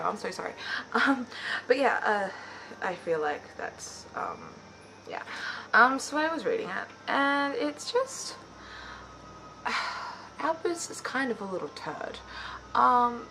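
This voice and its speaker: A young woman vlogger talking casually and rambling, full of fillers and quick self-corrections. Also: on the low side, noisy background. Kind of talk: casual chat.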